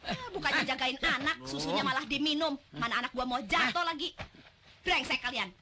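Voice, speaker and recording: An actress playing a middle-aged aunt in a 1990s comedy film, slangy and scolding. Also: female voice, high-pitched, a little fast, background noise. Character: fussy scolding aunt with a baby.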